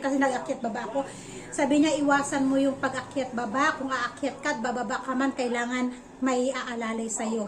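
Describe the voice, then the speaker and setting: Chatty high-voiced Filipino woman vlogger. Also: poor audio. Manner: chatty, searches for words, many fillers. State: slightly out of breath. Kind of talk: casual vlog chat.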